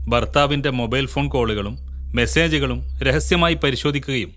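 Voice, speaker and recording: An actor playing an earnest elder brother who gives his sister a long, measured lecture in a home movie. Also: mid-range voice, a bit bright, soft background music, lightly acted. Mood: stern.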